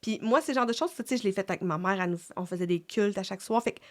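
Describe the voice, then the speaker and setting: A woman's voice: mid-range voice, rapid-fire. A middle-aged woman with a Québécois French accent, hosting a casual faith chat in a reflective way, with many fillers and restarts. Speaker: podcast host.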